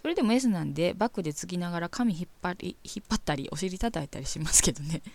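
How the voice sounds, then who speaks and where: A woman host with a Kansai lilt reads listener letters aloud and giggles through the racy parts. Her voice is low and gravelly, and it swings widely up and down. The sound is dry and close. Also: expressive, quick pace, a little mellow, dry recording. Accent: Kansai Japanese. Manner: giggly, bawdy and frank, laughs often. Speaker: radio host reading listener mail. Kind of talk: casual chat and reading letters aloud.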